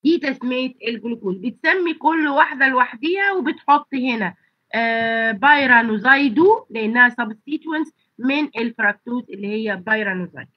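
Lively in intonation and fast, her slightly high voice has an Egyptian Arabic accent and a congested nose and throat. As a pharmacy college lecturer teaching online, she asks students rhetorical questions and supplies the answers. Heard over a computer mic on a video call, the audio is dull with no room sound.

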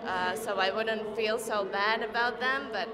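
A woman's voice: medium pitch, fairly even intonation, a little slow, a loud crowd. A young woman with a Latvian accent, a floorball player answering post-game interview questions in English, hesitant with many fillers. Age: young adult. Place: indoor arena by a sponsor backdrop. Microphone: handheld mic.

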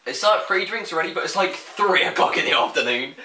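A man's voice: fairly high pitch, lively intonation, a little fast, bright, forceful tone. A young man chatting casually through comedy outtakes, breaking into laughter and playful put-on voices. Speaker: YouTube comedy creator. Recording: roomy echo, a little far from mic, faint noise.

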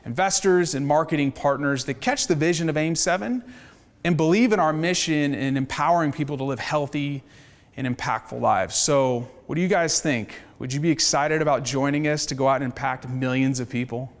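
A man who founded a startup gives an energetic, upbeat business pitch to a panel of investors. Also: fairly quick, in a large hall. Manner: energetic, upbeat salesman's delivery.

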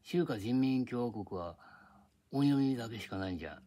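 A man's voice: mid-range voice, animated, normal speed, dark tone, a little hiss or hum. An older man from Japan rambling in a casual, grumbling monologue, recorded at home on a tablet. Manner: grumbling, chatty, drifting between topics. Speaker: vlogger. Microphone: tablet microphone.

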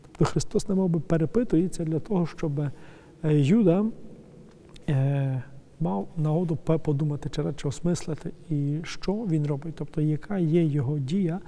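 Male preacher, deep mellow timbre, measured scripture reading into thoughtful commentary. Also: a little hiss or hum. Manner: measured reading, then reflective commentary with hesitations.

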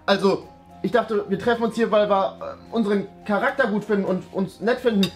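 A man in his 20s improvises a comic date sketch at a dining table on an indoor studio set, with background music playing. His high-pitched voice is steady and a little fast, and his role-play is theatrical, repetitive and exaggerated.

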